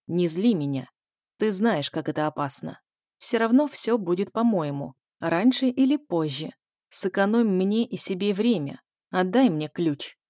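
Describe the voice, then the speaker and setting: A woman reading a novel aloud, voicing a scarred male killer who speaks quietly with a hiss, like a snake. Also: lowish voice, lively intonation, unhurried, dry recording, clean studio sound. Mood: hissing menace. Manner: quiet hissing menace. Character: scarred man, cold cruel killer.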